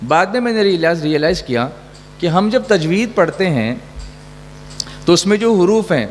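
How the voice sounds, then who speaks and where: A middle-aged man with a high voice gives a religious lesson to children. He keeps asking them questions and drills the answers back. He is recorded in a reverberant hall with a faint hum underneath. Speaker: Quran teacher.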